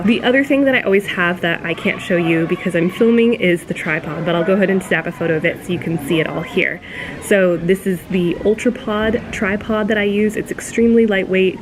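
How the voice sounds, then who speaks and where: A woman vlogs from a hostel room, explaining things to her viewers in an easy, chatty way. Her voice sits a little low. It comes through a built-in camera mic, so the sound is low quality with a steady noise floor. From United States. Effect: low-quality audio from a built-in camera mic. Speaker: travel vlogger. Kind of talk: casual show-and-tell to camera. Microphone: built-in camera mic, no external mic.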